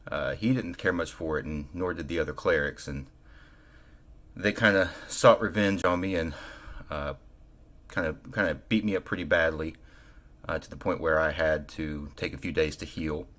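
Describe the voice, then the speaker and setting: A man gives voice to a young, stoic half-orc male cleric, speaking low and slightly gravelly. His delivery is halting and flat, broken by many pauses.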